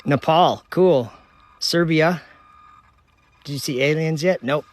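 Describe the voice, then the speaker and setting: A man's voice: a little high, takes it slowly. Casual man reading out livestream comments. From Minnesota, United States. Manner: relaxed, reads viewer locations aloud in a chatty running list. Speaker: livestream host. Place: outdoors at night with a telescope, north of Minneapolis.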